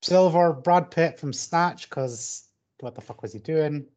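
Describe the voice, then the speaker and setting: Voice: medium pitch, unhurried, a little mellow. A co-host on a casual film podcast, talking bluntly and laughing easily. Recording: dull lo-fi audio.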